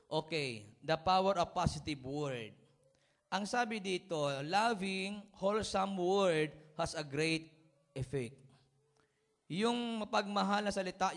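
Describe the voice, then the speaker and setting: Man preaching with humor, voice a bit high, asks for amens, chuckles through stories. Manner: chuckles while telling everyday stories. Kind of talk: sermon.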